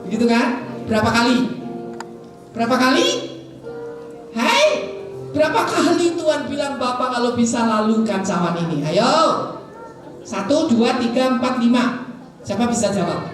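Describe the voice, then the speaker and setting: Animated woman telling a Bible story to children. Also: fairly high pitch, a little slow, long pauses. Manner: lively, asks the children questions, acts out voices. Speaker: Sunday school teacher. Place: large echoing church hall. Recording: echoey hall from far off with music.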